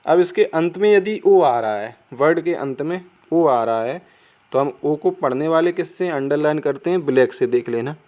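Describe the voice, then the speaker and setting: An Indian man teaching English spelling in Hindi. He talks casually, spells words out letter by letter and keeps asking the viewers whether it is clear. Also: fairly high pitch, animated, normal speed, a little mellow, muffled recording. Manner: chatty, asks the viewers "clear?" often. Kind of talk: casual Hindi classroom explanation.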